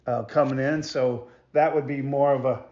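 A man giving a casual product demonstration as a maker of hunting calls, talking in a halting, rambling way and often repeating himself. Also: mid-range voice, steady tone, dull audio, very noisy. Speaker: goose call maker presenting products.

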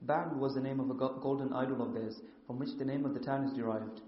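A man reading a scripture commentary aloud at a brisk, even pace. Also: mid-range voice. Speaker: reader of the text. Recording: echoey hall, muffled.

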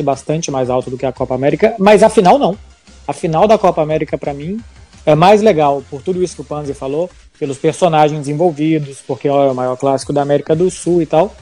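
Mellow Brazilian man hosting sports talk. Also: fairly high pitch, a little fast, soft background music. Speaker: podcast host. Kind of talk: conversational sports discussion.

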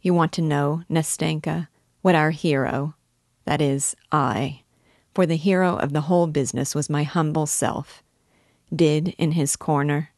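A woman reading a classic novel aloud in a measured, earnest storytelling manner. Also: low-pitched, steady tone, darkish tone, no echo, clean studio sound. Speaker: audiobook narrator. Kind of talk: scripted narration.

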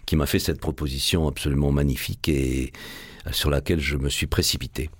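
An older man with a Marseille accent, talking about his work as a stage actor and author in a radio interview, effusive and halting with many restarts. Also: rumbling low, fairly even intonation, husky, no echo, clean studio sound. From Marseille, France.

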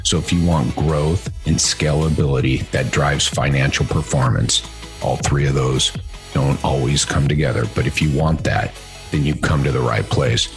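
A man delivering a scripted podcast intro in a measured, promotional way. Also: extremely low pitch, fairly even intonation. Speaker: podcast host. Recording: intro with music behind.

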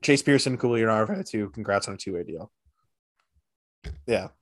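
A man co-hosting a hockey podcast, chatting casually with a friend, animated and teasing, with quick bursts of excitement. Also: fairly low pitch. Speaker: podcast co-host. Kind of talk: casual sports chat.

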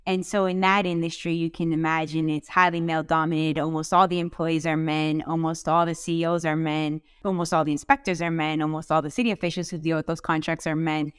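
Woman ceo on a podcast, lowish smooth voice, steady and earnest, lists stuff. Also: dry recording, studio quality. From Canada. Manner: earnest, measured, often lists items. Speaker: company CEO, guest. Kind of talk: podcast interview.

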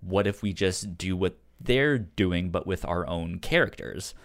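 A man with a low, animated voice speaks at a measured pace while co-hosting a podcast, casually talking about comic books. He has a stutter that repeats sounds and syllables.

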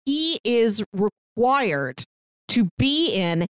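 In a casual book-discussion podcast, this co-host speaks at a fairly high pitch with a bright, clean tone, very animated and drawing out her words. She is articulate and performs quotes to drive her points home, recorded dry in a clean studio.

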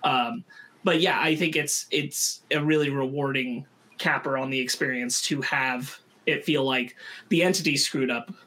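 Male podcast co-host, husky and bright, casual film chat, loose and rambling. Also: mid-range voice, fairly even intonation, unhurried. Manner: rambling, many restarts and fillers.

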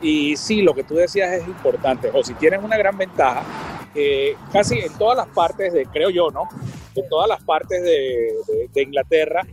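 Guy walking in a park and chatting, easygoing, slightly high voice. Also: moderate pace, soft background music, low-quality recording. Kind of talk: casual podcast chat.

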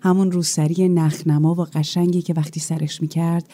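Woman narrator, lowish mellow voice, tender nostalgic storytelling. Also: level tone. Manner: tender, nostalgic, addressing a remembered person.

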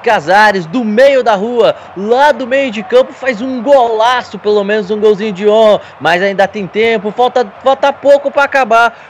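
A Brazilian man giving excited live football commentary as part of a broadcast team. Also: high voice, moderate pace, few pauses. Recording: faintly noisy stadium broadcast.

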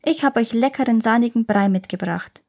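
A woman's voice: on the high side, fairly quick, a little mellow. A woman voicing a brave, determined mother in a folktale, speaking firmly. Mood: searching.

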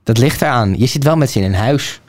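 A man's voice: medium pitch, animated, fairly quick. A man co-hosting a casual chat, talking animatedly and acting out other people's lines. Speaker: podcast co-host.

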